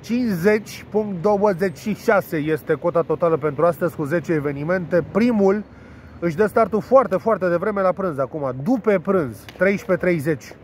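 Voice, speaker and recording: A man's voice: sits high, slight background noise. A man with a cold, talking through a blocked nose, giving sports betting tips in a rambling, crude, playful monologue. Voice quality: nasal. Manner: rambling, crude, playful, with word games and swearing. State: congested with a cold.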